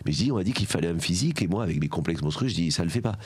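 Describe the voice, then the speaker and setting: A man's voice: low-pitched, expressive, racing, darkish tone, slightly rough, no room sound. A middle-aged man from Aveyron with a southern French accent, telling his story as a podcast guest, reflective and full of hesitations. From Aveyron, southern France. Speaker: guest, association founder. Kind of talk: podcast conversation.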